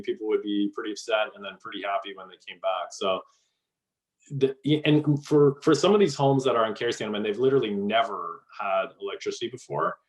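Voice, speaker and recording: A man's voice: fairly low pitch, poor audio. A man answering interview questions about his company in a casual way, with many fillers and restarts. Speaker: guest, company co-founder.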